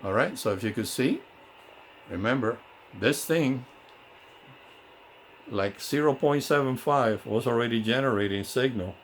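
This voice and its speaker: With a medium-pitched voice, a slightly slow pace and long pauses, a man who isn't a native English speaker guides listeners through repeater equipment as a radio technician. The walkthrough is hands-on, casual and enthusiastic. He's recorded indoors in a home electronics workshop with clear background noise.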